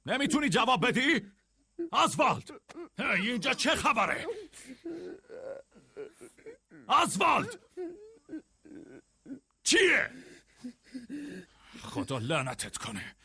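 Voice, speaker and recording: A man dubbing a rancher who holds his family together, shouting at times and soothing at others. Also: on the high side, big pitch swings, long pauses. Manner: shouting in search, then softly soothing. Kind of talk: film dubbing.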